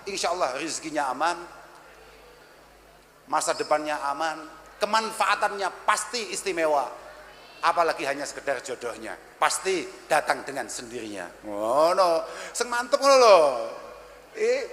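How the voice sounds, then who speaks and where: A man's voice: fairly high pitch, very animated, normal speed, a bit bright, slight background noise. A man in his thirties with a Javanese accent, preaching a humorous sermon to a live crowd, blunt and teasing, mixing Arabic recitation with jokes. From Java, Indonesia. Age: 30s. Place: large event hall. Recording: echoey hall with long reverb, faint crowd ambience.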